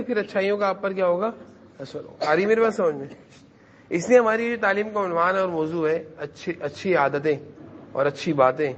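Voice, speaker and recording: A man's voice: a little high, fairly bright tone, lo-fi sound, a little hiss or hum. A man teaching a class of children in a madrasa, who repeats his points and keeps quizzing the kids to answer. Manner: repetitive, questions the children and urges them to answer.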